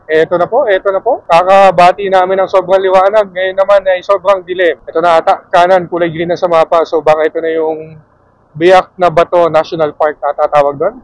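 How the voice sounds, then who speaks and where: Excitable Filipino man, helmet-mic road commentary. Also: high voice, brisk, no room sound, rough recording. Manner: excitable, swears freely, laughs often. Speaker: motovlogger. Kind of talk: casual ride commentary. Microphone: helmet mic while riding.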